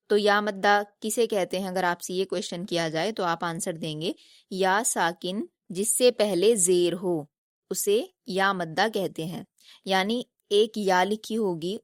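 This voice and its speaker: A woman teaching a recitation class in a patient, explanatory way. She poses questions to her students and answers them herself, and she stretches the drilled sounds slowly. Her voice sits at a middling pitch in a dry, close recording with no room echo. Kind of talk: online recitation lesson.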